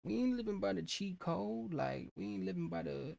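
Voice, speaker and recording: A man's voice: high-pitched, animated, normal speed, creaky, a little mellow. A man hosting a reaction video, rambling loosely with lots of fillers and restarts. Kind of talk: casual reaction commentary.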